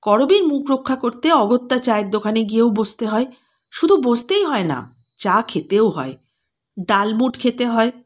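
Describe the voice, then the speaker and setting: A woman narrating a short story in an expressive, lilting reading style. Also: on the high side, normal speed.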